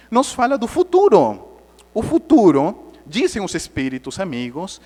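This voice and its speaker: Animated man lecturing in a reverberant hall. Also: fairly high pitch. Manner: animated, acts out the story with sound effects. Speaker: Spiritist lecturer. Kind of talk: lively storytelling lecture.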